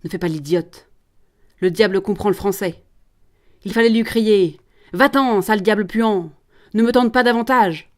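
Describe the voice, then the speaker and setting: A woman voicing a mocking, scheming male prosecutor priest who sneers and shouts, in a read-aloud play. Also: medium pitch, normal speed, pauses often, close to an everyday voice. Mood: shouting. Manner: sneering, loud and forceful.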